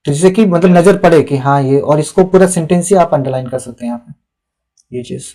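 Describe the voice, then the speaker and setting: Giving live feedback on answer sheets, a young male teacher reads students' responses aloud and explains patiently. He talks briskly, his voice warm and on the high side.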